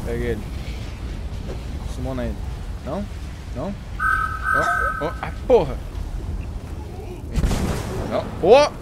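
A man's voice: mid-range voice, very animated, slow pace, pauses often, very noisy. A young man with a Brazilian Portuguese accent commenting live on his gameplay, swearing often and laughing as he taunts the enemy. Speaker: streamer.

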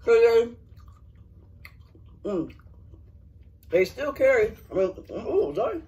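A man's voice: very high voice, very animated, takes it slowly, a little mellow, distant mic, lo-fi sound. A man chatting casually to viewers with his mouth full, chewing while he talks, rambling and searching for words. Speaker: mukbang vlogger.

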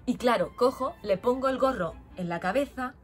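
A young woman from Spain, a teacher in Japan, telling funny classroom stories in an animated way and acting out the children's voices. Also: on the high side, normal speed, slightly rough. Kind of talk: storytelling vlog.

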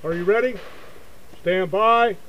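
A man working as a range officer, calling out loud, flat, formulaic safety commands at an outdoor shooting range. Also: high-pitched, measured pace, lo-fi sound. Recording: very noisy outdoor action-camera audio.

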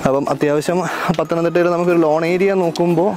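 His voice sits on the high side, darkish, fairly even in intonation, and quick, with a little hiss or hum on the recording. A Malayali-accented event planner and vlog host from Kerala, India, he gives a practical, explanatory venue tour mixed with English terms.

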